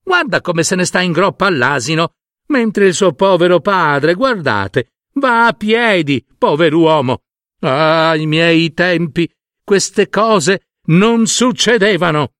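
A man putting on a shrill old village woman. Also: lively intonation, slow, fairly bright tone, no echo, clean studio sound, exaggerated voice. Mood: scandalized. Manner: shrill, scandalized scolding.

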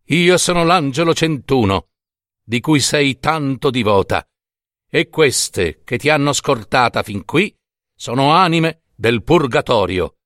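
A man's voice: mid-range voice, animated, fairly bright tone, no room sound, studio quality. A man voicing a grave, solemn angel. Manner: grave, measured pronouncement. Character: solemn male angel announcing death.

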